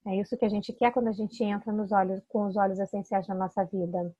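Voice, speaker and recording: A Brazilian essential oils consultant talks quickly at medium pitch with little pitch movement, her tone dark and slightly rough. Explaining product use informally to camera in a Brazilian Portuguese accent, she's chatty and persuasive, adding tag questions and restarting sentences, in a muffled recording with no echo.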